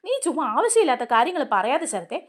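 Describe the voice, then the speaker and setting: A woman's voice: high-pitched, very animated, quick pace. A woman voicing a stern man from a serial who is scolding and questioning the others. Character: stern older brother figure, scolding.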